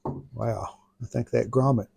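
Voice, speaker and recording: The host of a radio restoration channel narrates a repair job unscripted, thinking aloud as he works. He's an American man with a medium-pitched, dark, noticeably creaky and gravelly voice, speaking very slowly in a folksy, plainspoken way. The recording is close and dry, with little room sound.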